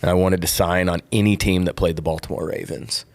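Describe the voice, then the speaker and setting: A man's voice: low voice, fairly even intonation, a little fast. A middle-aged man, a former football player co-hosting a podcast, earnestly telling a personal story in casual chat.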